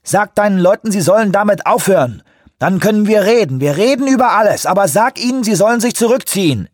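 A man's voice: high voice, animated, brisk, a little mellow, no echo, studio quality, pitched above the performer's own voice. A man voicing an exasperated male whale researcher who talks urgently and holds his anger back. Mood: pleading. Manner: urgent, pleading, irritated.

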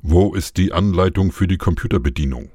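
A man's voice: low-pitched, fairly quick, dark tone, husky, no echo, studio quality. A man reading the lines of a strict, controlling father in an audiobook. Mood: stern. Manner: curt, stubborn.

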